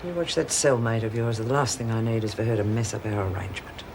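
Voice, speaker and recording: An actress playing a curt, bossy, scheming prison officer in a television drama. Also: female voice, rumbling low, lively intonation, fast talker, noisy background. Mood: conspiratorial. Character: brisk, scheming prison officer bossing inmates around.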